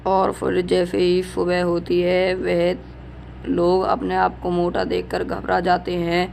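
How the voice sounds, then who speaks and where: A narrator telling a cartoon horror story in plain, even storytelling. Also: mid-range voice, takes it slowly, vocal fry, a little hiss or hum.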